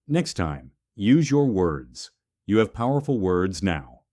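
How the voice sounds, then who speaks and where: Man playing a calm, firm protective father. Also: lowish voice, slow pace, no room sound, studio quality.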